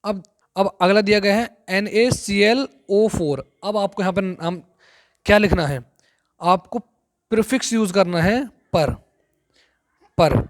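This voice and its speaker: A man teaching a chemistry lesson, explaining step by step, repeating key terms and reading English textbook lines slowly. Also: high-pitched. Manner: addresses viewers as friends. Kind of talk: classroom lecture.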